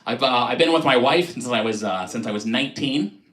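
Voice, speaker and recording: A middle-aged man performs stand-up for a live stream, making fun of himself and jumping into quick voices for shoppers and clerks. His pitch sits in the ordinary middle range. The room gives his voice a noticeable echo. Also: fairly bright tone. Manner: self-deprecating, acts out shoppers and clerks in quick asides. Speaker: stand-up comedian.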